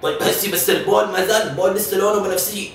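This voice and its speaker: Man putting on an agitated, fast-talking Sudanese caller. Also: high voice, creaky, a little hiss or hum. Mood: exasperated. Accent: Sudanese Arabic. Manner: insistent, repetitive, complaining. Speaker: prank caller. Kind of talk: improvised phone prank.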